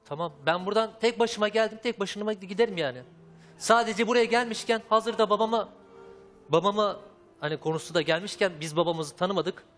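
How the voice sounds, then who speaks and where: A young man on a talk show defending himself with flat, repeated denials. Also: high-pitched, fairly quick, soft background music. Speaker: studio guest. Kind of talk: heated talk show confrontation.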